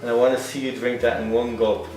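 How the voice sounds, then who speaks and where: A man's voice: medium pitch, flat delivery, fast. A man co-hosting a cooking show, chatting in a playful put-on Irish brogue. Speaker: co-host. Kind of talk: casual chat. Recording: echoey room with music.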